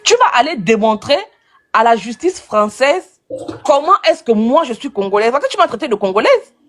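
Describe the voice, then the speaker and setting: Woman, combative online rant, high and very animated pitch, name-calling. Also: normal speed. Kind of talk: angry live-video rant.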